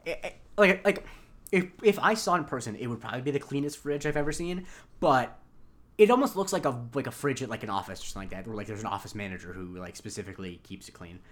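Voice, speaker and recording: A man's voice: mid-range voice, lively intonation, fast, fairly bright tone. A man co-hosting a podcast, recapping an episode in rambling casual chat. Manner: rambling, many fillers and restarts. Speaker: podcast co-host.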